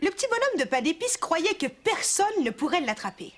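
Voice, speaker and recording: In a kids' cartoon, a woman with a Quebec French accent plays a mother reading a children's story aloud. Her voice is very high-pitched and brisk, full of animated expression.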